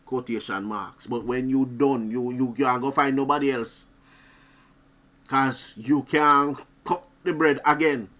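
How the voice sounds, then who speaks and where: A man giving an animated, preachy monologue to other men, swinging between loud outbursts and low asides. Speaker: channel host.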